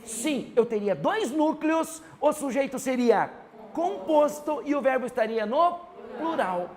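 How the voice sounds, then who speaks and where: Animated Brazilian male teacher lecturing. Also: very high-pitched, a little slow. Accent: Brazilian Portuguese. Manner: animated, keeps prompting the class for answers. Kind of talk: classroom grammar lecture. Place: classroom with students.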